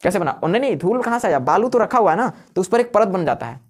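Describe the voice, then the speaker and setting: A man's voice: high voice, animated, quick pace. A man teaching a live class, who keeps asking questions and answering them himself while repeating the key words. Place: classroom with students.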